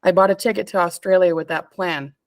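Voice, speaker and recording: With a lowish voice, fairly even intonation, and a quick pace, the Canadian woman in her thirties rambles and laughs through a casual chat as an interview guest. She works as a stone fabricator, and the audio has no echo.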